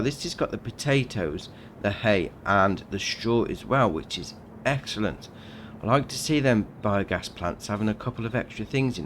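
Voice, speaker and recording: A man's voice: on the low side, a bit bright. A man chatting casually through a game mod review, upbeat and saying "very nice" often. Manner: chatty, upbeat, says "right, next up" and "very nice". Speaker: gaming channel host.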